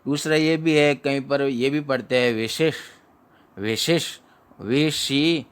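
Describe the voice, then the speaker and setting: A man teaching how to pronounce a recited verse, breaking words into syllables, repeating them slowly and asking and answering his own questions. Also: medium pitch, fairly even intonation, smooth. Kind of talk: slow syllable-by-syllable pronunciation lesson.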